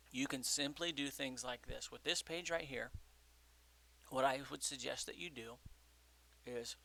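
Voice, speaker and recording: Gravelly-voiced man teaching a lecture. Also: mid-range voice, bright, forceful tone, slight background noise. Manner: halting, filler-heavy explaining with frequent okay checks. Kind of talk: recorded classroom lecture.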